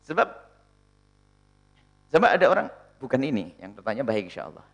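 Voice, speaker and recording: A male preacher answering questions in a sermon, animated and often acting out the people he quotes. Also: medium pitch, brisk, vocal fry. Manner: animated, acts out quoted speakers.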